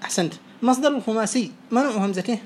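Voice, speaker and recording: A man teaching Arabic morphology, quizzing students and briskly praising each answer. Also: high-pitched, darkish tone. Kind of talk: oral quiz lesson. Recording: faint background noise.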